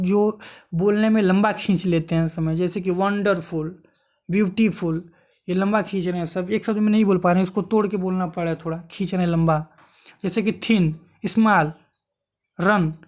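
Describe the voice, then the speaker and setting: A woman's voice: mid-range voice, darkish tone. Woman w doing a grammar lesson, patient, keeps asking then answering herself. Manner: explains patiently, asks and answers her own questions. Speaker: teacher. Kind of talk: exam-prep grammar lesson.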